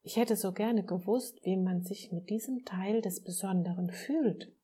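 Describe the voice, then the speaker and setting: A woman's voice: mid-range voice, a little slow, dark tone, husky. A woman voicing a small, childlike soul who is eager and restless in a storybook reading.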